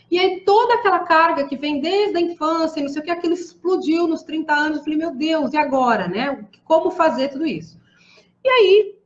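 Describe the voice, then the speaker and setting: Chatty, animated woman telling her story. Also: high voice. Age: 30s. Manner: chatty and animated, addresses listeners as "gente". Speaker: live-stream host. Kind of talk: personal storytelling to an online audience. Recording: roomy, slightly dull live-stream audio.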